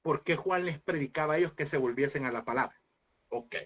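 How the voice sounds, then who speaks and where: Animated husky-voiced man teaching scripture. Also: a little fast. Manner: animated, mimics voices with sudden high shouts; addresses listeners as brother, rhetorical questions. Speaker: Bible seminary teacher. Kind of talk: lively preaching lecture.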